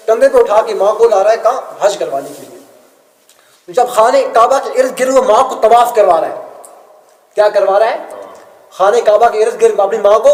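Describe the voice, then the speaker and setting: A male preacher telling a story in a sermon, with emotional sighs and rhetorical questions he answers himself. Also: sits high. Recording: echoey hall.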